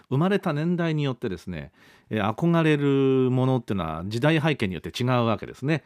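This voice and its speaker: A man's voice: mid-range voice, no echo, clean studio sound. A man in his fifties hosting a radio show, reading listener mail in a chatty, polite, self-deprecating way. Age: 50s. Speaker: radio host.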